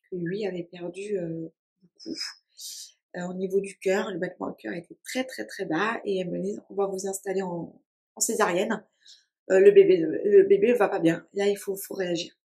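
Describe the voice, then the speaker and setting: A woman in her twenties recounting a personal story, speaking haltingly with many fillers and restarts. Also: medium pitch, darkish tone. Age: 20s. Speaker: vlogger. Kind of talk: casual storytelling to camera.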